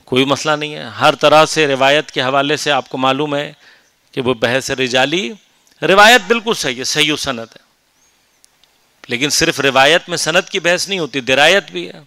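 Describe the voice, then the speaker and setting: Man, religious lecture, bright forceful tone, dry close sound, measured and explanatory. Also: a little high, clear, resonant tone, no echo. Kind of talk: Quranic commentary lecture.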